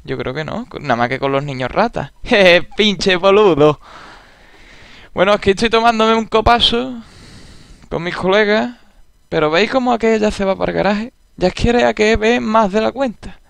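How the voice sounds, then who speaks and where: A man's voice: high-pitched, a little fast, vocal fry, fairly bright tone, no room sound. A young man with an Andalusian Spanish accent, joking through casual gameplay commentary in a laid-back, drawling way. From Andalusia, Spain. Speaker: gaming YouTuber.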